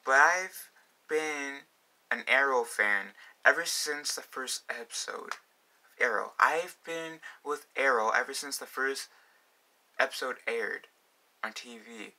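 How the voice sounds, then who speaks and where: Bright-voiced young man rambling. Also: mid-range voice, takes it slowly. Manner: rambling, full of fillers and restarts. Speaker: vlogger. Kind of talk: casual fan vlog.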